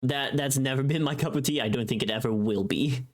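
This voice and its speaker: She has a bass voice and a brisk delivery as she chats with viewers on her livestream. The conversation wanders, full of expression and self-deprecating remarks.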